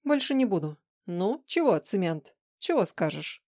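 A woman's voice: mid-range voice, sing-song, a little slow, no echo, clean studio sound. Woman voicing a snarling, vicious alter ego girl. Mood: mocking. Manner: snarling, shouting insults.

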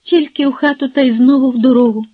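A woman's voice: sits high, steady tone, quick pace, no echo, voice pushed up. A woman voicing an anxious, tender village mother in an audiobook. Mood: worried. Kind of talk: audiobook character voice. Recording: husky, phone-like, dry.

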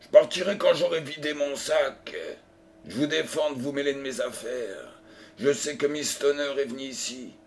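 A man's voice: mid-range voice, normal speed, a little hiss or hum, natural voice. A man voicing a furious, threatening old doctor. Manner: threatening, shouting. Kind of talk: audiobook character reading.

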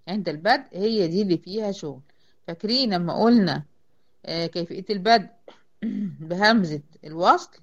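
An Egyptian-accented woman teaches a Quran recitation lesson at a quick clip, putting questions to her class and then answering them herself. She slows right down whenever she sounds out a word. Her voice sits at a middle pitch, and the recording is dull and lo-fi. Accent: Egyptian Arabic. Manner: explains step by step, asking and answering her own questions. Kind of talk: online tajweed lesson. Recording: dull lo-fi audio.

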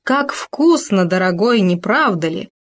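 A woman's voice: medium pitch, animated, moderate pace, lightly acted. A woman voicing a pompous male hamster who puts on sugary, affected foreign manners.

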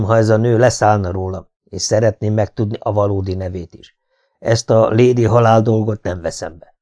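A man's voice: on the low side, darkish tone. A man reading a hard-boiled first-person audiobook in a wry manner. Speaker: audiobook narrator.

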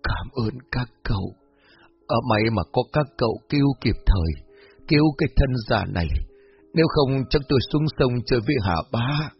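A man's voice: on the low side, lively intonation, brisk. A man doing a frail, whispery old grandmother. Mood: feeble. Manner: weak, breathy, scolding. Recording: muffled lo-fi with faint music.

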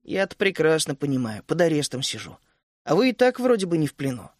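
A sulky young captive, as a male reader puts him on, mutters blunt, grumbling answers in a lively, fairly high voice. The storybook reading sounds close and dry. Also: a little fast, no echo.

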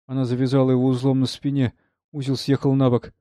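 A man reading a literary novel aloud as an audiobook narrator, in a measured and expressive storytelling manner. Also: mid-range voice, no echo, clean studio sound.

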